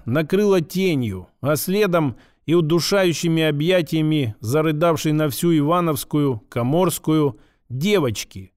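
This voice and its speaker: A man narrates an audiobook with expressive, wry delivery, and his voice sits a little higher than most men's. The reading is steady, with colour and irony. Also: clean tone, no echo, studio quality. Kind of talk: scripted narration.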